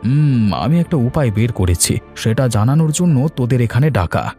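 A man voicing a village man in a cartoon who plots against a troublesome aunt, talking in a brisk, plotting way. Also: mid-range voice, animated, mellow, soft background music, lightly acted. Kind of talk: cartoon voice acting.

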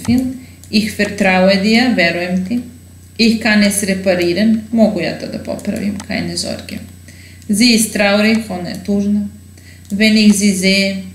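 Woman teacher with a low, echoey voice. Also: slight background noise. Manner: explains slowly, repeats phrases, thinks aloud with fillers. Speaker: German teacher. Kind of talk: bilingual language lesson.

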